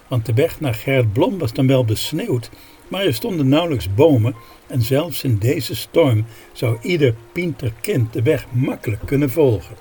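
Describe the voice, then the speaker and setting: A man reading a story aloud in a calm, measured way. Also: fairly high pitch.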